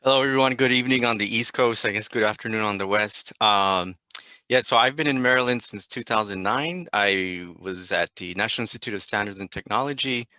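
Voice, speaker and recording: A man from West Texas speaks in a lower register, his voice bright and forceful over a close, dry video-call mic. He introduces himself to a panel audience in an unhurried way, pausing now and then as he thinks. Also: no room sound. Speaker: chemistry professor and panelist.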